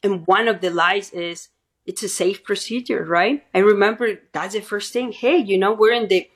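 A woman's voice: medium pitch, steady tone, normal speed, slightly rough. A middle-aged woman from Mexico City with a Mexican Spanish accent, giving a talkative interview testimony and often tagging on "right?". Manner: talkative, keeps adding "right?". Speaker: guest speaker and activist.

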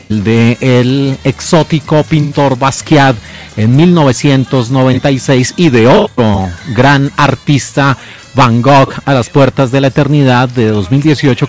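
In scripted narration, a man with a medium-pitched voice presents a film, giving its titles and names with deliberate emphasis.

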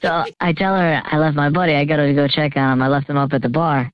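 A man's voice: fairly high pitch, steady tone, fast, smooth, dry recording, muffled recording. A young man calling in to a radio show with his voice disguised by a voice changer, telling a rambling story full of fillers and chuckles. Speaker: caller. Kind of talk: call-in confession story.

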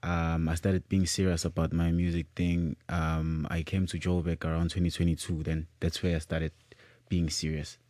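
Young man with a low, halting voice. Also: flat delivery, darkish tone, no echo, studio quality. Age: 20s. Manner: halting, full of fillers. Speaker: musician guest. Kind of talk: casual interview answers.

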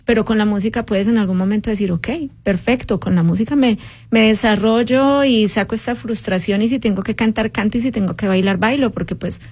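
A woman appearing as a radio guest, explaining the programs of a community music school in a steady, informative way. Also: medium pitch, fairly quick, husky, dry recording. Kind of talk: radio interview.

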